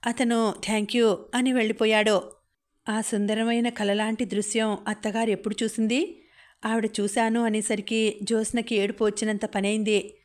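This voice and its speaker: A woman reading a novel aloud as an audiobook narrator, in an even, steady storytelling way. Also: mid-range voice.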